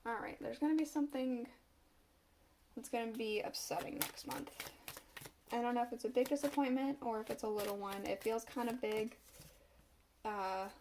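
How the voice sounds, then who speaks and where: A woman reads tarot casually to camera in a fairly high voice with fairly even intonation, a moderate pace, and frequent pauses, with background noise behind her. A cold leaves her stuffed up and slightly coughing as she muses over the cards.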